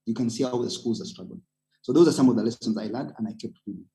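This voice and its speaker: Speaking fast in a mellow, creaky, mid-range voice, a Ugandan-accented community organizer addresses a webinar as a panelist. He draws on his own experience and pushes his audience to act with earnest, emphatic persuasion.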